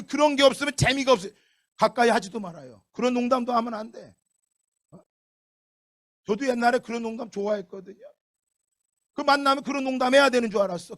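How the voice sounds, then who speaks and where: High-voiced man preaching emphatically. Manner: emphatic, with many rhetorical questions; swings between loud outbursts and soft asides. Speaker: pastor. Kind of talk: sermon.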